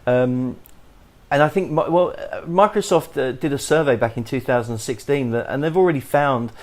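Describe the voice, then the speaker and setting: English man hosting, halting delivery. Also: medium pitch, darkish tone. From England. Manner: halting, many restarts and fillers, chuckles often. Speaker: podcast host. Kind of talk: podcast interview.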